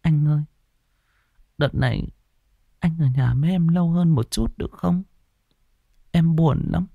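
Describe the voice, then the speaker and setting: A grieving young wife, as a male storyteller puts her on, her voice pushed high and soft as she pleads tearfully. The sound is close and dry. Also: measured pace, vocal fry, no room sound, phone-quality sound. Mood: tearful pleading.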